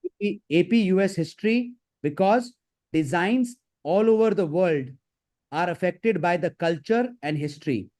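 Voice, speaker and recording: A man with an Indian accent giving live career advice as a counsellor, in a brisk, instructive and emphatic manner. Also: high voice, lively intonation, a little mellow. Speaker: career counsellor hosting a session. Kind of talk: live advisory session.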